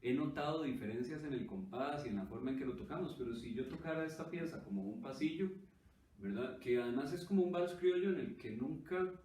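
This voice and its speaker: A Costa Rican man talks about music in a thoughtful, mellow voice. He often checks in with his listener as he explains. The sound is roomy and distant, with faint noise behind it. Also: mid-range voice, a little fast. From Costa Rica. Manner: thoughtful, often adds "¿verdad?". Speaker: musician guest. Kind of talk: conversational interview.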